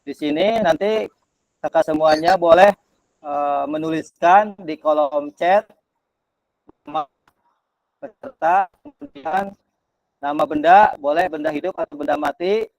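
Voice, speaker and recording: A man's voice: fairly high pitch, expressive, vocal fry, no room sound, rough recording. Man facilitating over a glitching, choppy connection. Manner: slow, repeated instructions and hearing checks. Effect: choppy, glitching connection audio. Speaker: workshop facilitator. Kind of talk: leading an online workshop. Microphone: video call.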